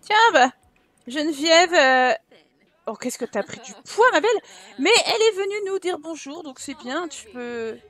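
A woman hosting a casual let's-play, chatty and expressive, full of exclamations and filler words. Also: sits high, a little slow. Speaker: gaming channel host.

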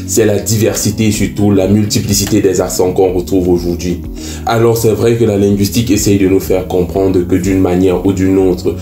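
A man hosting a language lesson, explaining step by step and speaking straight to the viewer. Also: sits low. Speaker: English teacher, channel host. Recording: echoey room with faint music.

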